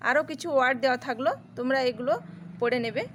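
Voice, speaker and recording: A woman with a high, light voice gives a phonics lesson for children. She explains patiently and sounds out letters one at a time before blending them. Faint noise hums under the recording. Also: fairly even intonation, very fast, fairly bright tone. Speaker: teacher.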